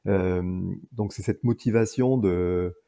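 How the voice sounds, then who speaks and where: A man's voice: on the low side, takes it slowly, warm tone. A man in his forties talking casually as a podcast guest, hesitant with many fillers and restarts. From France. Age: 40s. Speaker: guest entrepreneur.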